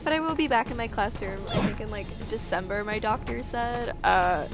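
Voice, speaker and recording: A woman's voice: medium pitch, normal speed, loud music behind the voice. A woman in her early twenties with a feminine voice, giving a casual, self-conscious voice-over with rambling, self-mocking asides. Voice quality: feminine-sounding. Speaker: gaming channel creator.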